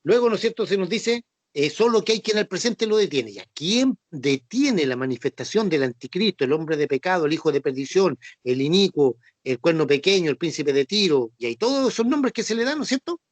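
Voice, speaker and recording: A man with a Chilean accent leads a Bible class in a voice pitched fairly high for a man. He explains each point patiently and keeps checking that everyone is following. The recording is dry, with little room sound. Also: lively intonation, brisk, no echo. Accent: Chilean Spanish. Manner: patient and repetitive, with frequent "¿no es cierto?" and "ya" checks. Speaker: Bible study teacher.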